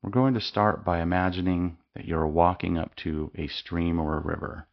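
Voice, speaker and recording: A deep-voiced man guides a mindfulness meditation, giving slow, calm, soothing instructions separated by long pauses. The sound is lo-fi.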